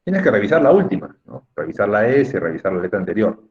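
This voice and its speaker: This Spanish lesson on accent rules comes from a man whose voice sits on the low side and has a sing-song, fast delivery, though the audio is dull. He teaches emphatically, drilling key words again and again and asking short tag questions to check that the class is following.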